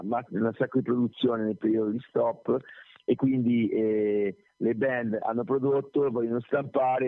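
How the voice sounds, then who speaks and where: A man who sings in a band answers interview questions over a phone call, talking in a loose, rambling way and correcting himself as he goes. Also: medium pitch. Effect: heard over a phone call. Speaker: singer of a band, interview guest. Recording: tinny phone line.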